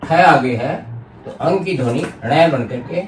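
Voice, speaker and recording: Slow, deliberate male grammar teacher. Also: a little high, soft background music. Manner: slow, deliberate, repeats example words for pronunciation. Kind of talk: classroom grammar lesson. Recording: echoey room, distant mic, faint noise.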